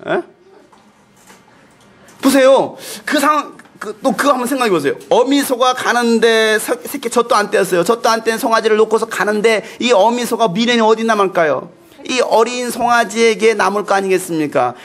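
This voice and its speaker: A male pastor with a high-pitched voice preaches in an animated, storytelling way. He swings from playful quips into earnest exhortation and often slips into acted bits of dialogue. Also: moderate pace. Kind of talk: sermon.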